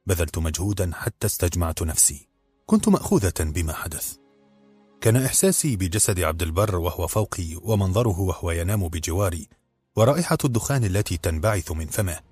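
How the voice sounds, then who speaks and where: Deep-voiced man narrating a novel. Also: slightly rough, faint music behind. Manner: steady, measured storytelling. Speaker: audiobook narrator.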